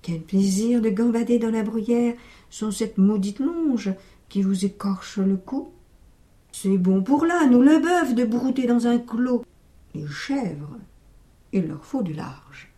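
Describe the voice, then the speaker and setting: A woman voicing a young female goat, wistful and stubborn, in a soft, hushed, half-whispered storybook reading. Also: on the high side, animated, slow. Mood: longing.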